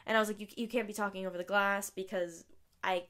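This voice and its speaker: A young woman co-hosting a podcast, chatting casually and telling work stories, acting out what people said and trailing off softly at times. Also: medium pitch, flat delivery, a little fast. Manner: storytelling, acts out quotes, trails off softly. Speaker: podcast co-host. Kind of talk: casual chat.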